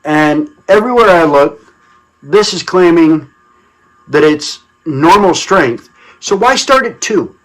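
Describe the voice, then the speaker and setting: A man's voice: a little high, lively intonation, slow, a bit bright, poor audio. A man chatting casually to camera as a product reviewer, with a folksy, colloquial and emphatic way of talking. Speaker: product reviewer and channel host.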